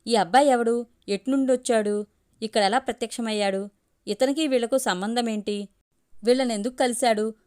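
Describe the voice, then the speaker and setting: A woman's voice: fairly high pitch, fairly even intonation, normal speed, pauses often, a little mellow, clear, resonant tone, close to an everyday voice. A woman reading the lines of a suspicious, dutiful male security guard in a storybook reading.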